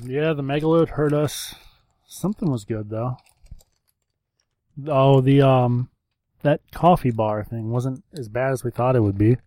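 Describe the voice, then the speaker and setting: A man's voice: mid-range voice, unhurried, pauses often, warm tone, no room sound. A man co-hosting a casual snack-review podcast, joking and laughing often. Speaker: podcast co-host.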